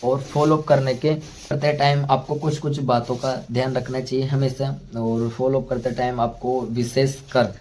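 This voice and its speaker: A man's voice: medium pitch, flat delivery, normal speed, hardly any pauses, a little mellow, a little hiss or hum. A man giving a motivational sales training talk, calling the listener "friend" and going through numbered steps one by one. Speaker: network marketing trainer.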